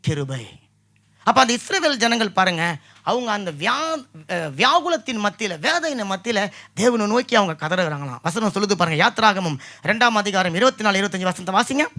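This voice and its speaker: A man's voice: sits high, animated, brisk, sharp tone. A man preaching a fervent sermon as pastor, often calling for an amen.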